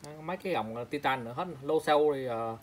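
Talking a little fast in a mid-range voice, this Vietnamese seller shows off used glasses frames online one pair at a time. It's a casual, chatty showcase where he repeats prices and sizes and calls out to his viewers.

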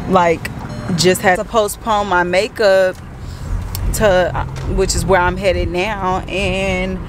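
A woman's voice: lowish voice, level tone, takes it slowly, noisy background. A woman in her twenties chatting casually in a vlog, slangy and frank. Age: 20s. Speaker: vlogger.

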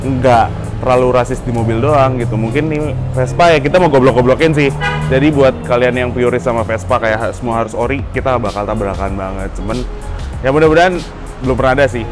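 A young adult man vlogs casually while working in an open garage courtyard outdoors, with music playing behind him. His mid-range voice moves briskly, and he's relaxed, joking, and full of slang.

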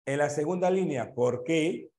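Slow-talking Peruvian teacher, echoey room. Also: male voice, on the high side, a little mellow. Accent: Peruvian Spanish. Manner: checks answers item by item, asks students questions. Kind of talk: online exam review class.

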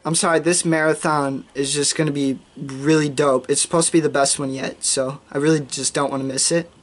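Casting: young man, slightly high voice, polite prank caller faking being sick with feigned earnestness. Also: fairly even intonation, brisk. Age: young adult. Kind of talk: phone prank call. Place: small bedroom.

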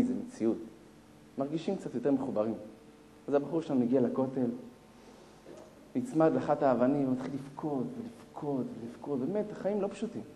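A man who is a rabbi giving a storytelling lecture, animated and acting out the characters. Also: on the high side, slight background noise. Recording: long hall reverb.

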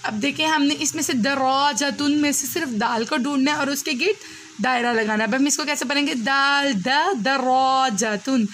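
A young woman teaching a beginner Quran reading lesson, slowly sounding out letters and asking simple questions as she goes. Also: high-pitched, a bit bright, slight background noise. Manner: slow, patient, spells out letters and asks questions.

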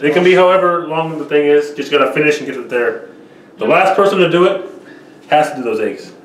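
A man's voice: a little high, brisk, a little hiss or hum. A young man chatting casually and slangily with friends, swearing freely as he hosts a challenge. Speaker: challenge host. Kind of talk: casual chat among friends. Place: home kitchen indoors. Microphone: handheld camera a few feet away. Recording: echoey room, distant camera mic.

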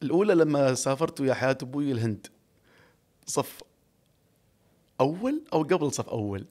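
This casual storytelling interview features a podcast guest in his forties, an Emirati man from Ras Al Khaimah with an Emirati Arabic accent. He talks briskly in a mid-range voice, animated yet reflective, with lots of gestures and frequent laughter. The recording is close on a studio boom mic.

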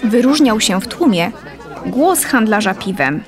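With a sing-song, mid-range voice and a measured pace, a woman in her thirties reads a scripted story as narrator, while a crowd can be heard in the background. She sits close to a studio condenser on a boom in a small, dark studio indoors.

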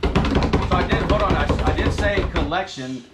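Joking dad in an echoey room. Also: male voice, sits high, moderate pace. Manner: joking, rambling, excitable. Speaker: dad hosting a family unboxing vlog. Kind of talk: casual family chat. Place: family home at a table. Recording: echoey room with background noise.

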